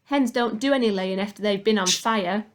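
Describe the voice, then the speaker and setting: A woman voicing a grumpy, scornful old grandmother who yells and scolds. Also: medium pitch, moderate pace, natural voice. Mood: yelling.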